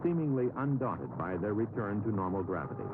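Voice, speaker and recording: A man reading scripted documentary narration in formal, measured phrases. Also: on the low side, sing-song, very noisy. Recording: narrow-band old film soundtrack with music.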